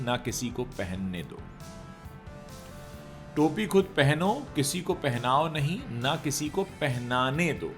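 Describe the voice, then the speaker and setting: A man giving conversational entertainment news commentary, talking straight to viewers with rhetorical questions. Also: mid-range voice.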